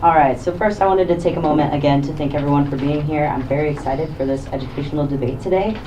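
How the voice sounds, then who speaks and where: A young student debater on the prime minister bench gives an organized, upbeat opening speech in a warm, medium-pitched voice at a quick pace. The mic sits at a distance, picking up faint room noise.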